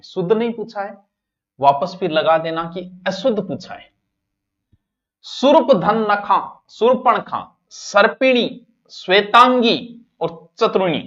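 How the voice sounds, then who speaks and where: High-voiced Rajasthani teacher quizzing students. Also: male voice, fairly bright tone. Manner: quizzing students, switching between Hindi and local dialect. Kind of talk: exam-prep lesson. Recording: dull lo-fi recording.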